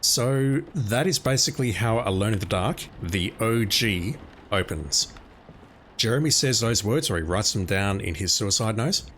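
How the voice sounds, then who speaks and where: Low-voiced man commenting on a game. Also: expressive, measured pace, a bit bright, slight background noise. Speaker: game streamer. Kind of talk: casual playthrough commentary. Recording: faint game ambience behind voice.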